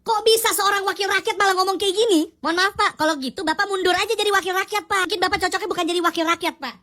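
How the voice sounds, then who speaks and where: A young woman giving a fast, sarcastic, mocking rant that scolds an official. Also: very high voice, bright, forceful tone. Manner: mocking, scolding, jokey insults. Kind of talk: sarcastic video commentary rant.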